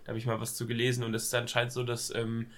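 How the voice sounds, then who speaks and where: Co-hosting a podcast while nursing a cold, a young man chats casually, hesitating often and filling gaps with fillers and youthful slang. His medium-pitched voice stays monotone and he races along.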